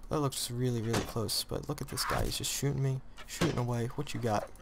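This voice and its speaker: A teenage boy gives let's-play commentary on his own gameplay, rambling excitably and constantly restarting and correcting his sentences. His ordinary middle-pitched voice is fairly quick with vocal fry, over a faint hiss of background noise.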